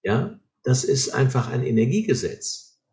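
A man's voice: mid-range voice, very animated, measured pace, a little mellow. A man explaining ideas in an earnest way, often checking in with short tags like "right?", in a conversation. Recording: roomy echo.

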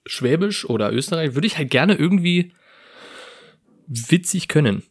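A man's voice: a little high, expressive, moderate pace, slightly rough. A man from Saxony co-hosting a casual podcast, playful and jokey. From Saxony, Germany. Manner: playful, jokey, laughs a lot. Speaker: podcast co-host. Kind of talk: casual chat.

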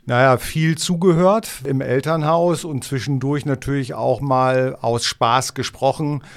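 A middle-aged man from East Frisia speaks with a gravelly edge to his voice. He chats in a relaxed, frank way as a guest on a podcast and slips Low words into his talk. The pitch sits in the middle of the male range. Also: a little slow. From East Frisia, northern Germany. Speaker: editor-in-chief and podcast guest. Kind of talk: casual podcast chat.

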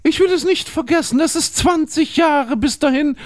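A woman reading the part of a young lovestruck girl, in a slow, earnest, dramatic way. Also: sits high, darkish tone, no echo, studio quality, voice pushed up, lightly acted. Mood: earnest, yearning.

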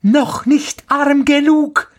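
A man voicing a small, vengeful male sparrow in a spoken fairy tale, with a very high piping squeak and taunting, sing-song threats. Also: slow.

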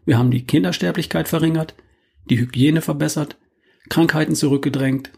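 A middle-aged man hosting a podcast, delivering a calm, measured, scripted monologue. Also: on the high side, vocal fry, breathy edge. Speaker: podcast host.

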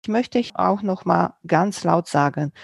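Her German is a second language, and her Romanian accent shows as she casually discusses her podcast while guesting on another show, groping for words in loose, non-native sentences. The voice is lowish, husky, and gravelly, unhurried, in a dry studio-quality recording.

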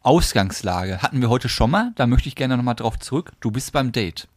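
A man's voice: medium pitch, lively intonation, normal speed, no room sound. A man co-hosting a podcast, chatting casually and teasing his partner with playful questions. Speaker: podcast co-host. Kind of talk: casual chat.

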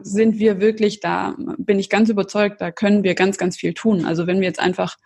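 A woman's voice: mid-range voice, level tone, a little fast, creaky, a little mellow, breathy edge. A woman talking in an earnest, explanatory way, with frequent fillers, in a casual conversation.

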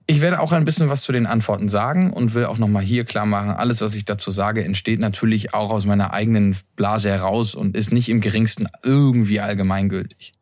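A man's voice: fairly low pitch, fairly even intonation, a little fast, hardly any pauses, a little mellow, no room sound. A young man hosting a podcast, giving a thoughtful, earnest introduction recorded in his room. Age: young adult. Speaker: podcast host. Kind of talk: reflective scripted intro monologue. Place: his room, seated in an armchair.

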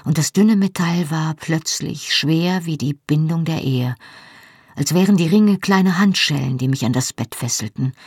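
An audiobook narrator with a slow, husky, rather high male voice reads a novel in scripted first-person narration. The recording is dry, with clean studio sound.

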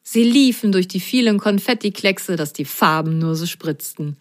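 A woman reading a children's story aloud as narrator, in a gentle way. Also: mid-range voice, expressive, moderate pace.

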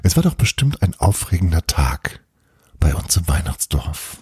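A man voicing a gentle, caring grandmother who speaks softly and tenderly. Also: very deep voice, very animated, normal speed, breathy edge, dry recording, studio quality, heavily acted. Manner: soft, tender.

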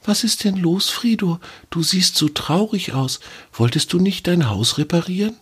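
A man voicing a soft-spoken, gentle animal friend in a storybook. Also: high voice, moderate pace, slightly rough, pitched above the performer's own voice, full character voice.

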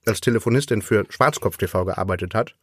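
A man's voice: on the low side, quick pace, no echo, clean studio sound. A man talking as a guest on a podcast, telling rambling, hesitant stories full of restarts. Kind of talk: casual podcast chat.

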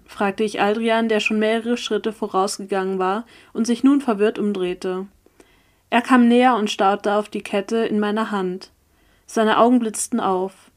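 A woman calmly narrating a novel chapter in first person as an audiobook reader. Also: mid-range voice.

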